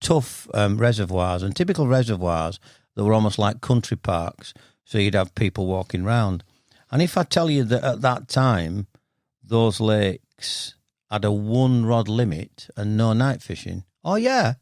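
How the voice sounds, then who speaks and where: Bradford man, 60s, low creaky voice, blunt matey interviewee, plain Yorkshire talk. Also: expressive, measured pace, darkish tone, no echo, clean studio sound. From Bradford, Yorkshire, northern England. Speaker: podcast guest, veteran carp angler. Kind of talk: casual interview storytelling.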